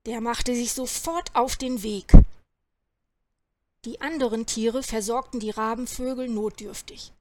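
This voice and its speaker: A woman gently reading a children's story aloud. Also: fairly high pitch, measured pace, very noisy.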